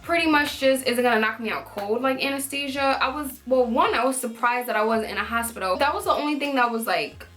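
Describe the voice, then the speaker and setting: High-voiced young woman telling a story. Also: a little fast, hardly any pauses, fairly bright tone, soft background music. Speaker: vlogger telling a personal story. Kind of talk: casual storytelling to viewers.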